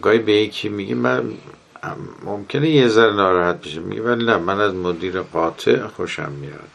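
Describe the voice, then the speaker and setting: A man giving a religious lecture on management, quoting Arabic sayings and swinging between emphatic rises and soft drops. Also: fairly low pitch, gravelly.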